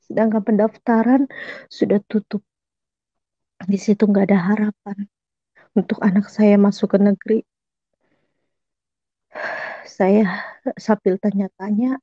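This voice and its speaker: A woman's voice: mid-range voice, warm tone, no room sound, highs cut off. A middle-aged mother giving a personal testimony, emotional and at times tearful as she retells her prayers.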